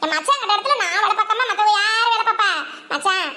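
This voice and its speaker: A woman's voice: very high-pitched, expressive, quick pace, bright, forceful tone. A woman voicing a chatty, teasing village girl in a cartoon, often laughing as she talks. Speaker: cartoon voice artist doing several village characters.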